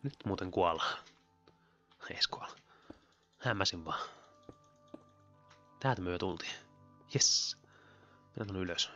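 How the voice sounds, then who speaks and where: A man's voice: low-pitched, long pauses, bright, forceful tone, dull audio, faint music behind. A man giving rambling, giggly commentary on his own gameplay as a Let's Play host. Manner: chatty, rambling, giggly, talks to himself while playing.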